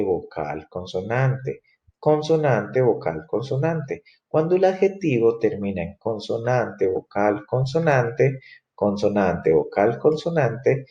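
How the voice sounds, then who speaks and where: A male English teacher with a mellow, warm voice walks students through grammar rules. He is animated and repeats each word, spelling it out and slowing down for the examples. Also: mid-range voice, dull audio. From Colombia.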